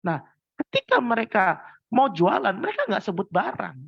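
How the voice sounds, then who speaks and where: A man giving sales training on a video call, lively and acting out sales pitches with big changes in intonation. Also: normal speed, vocal fry, husky, no echo. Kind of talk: online sales training talk. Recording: dull lo-fi video call audio.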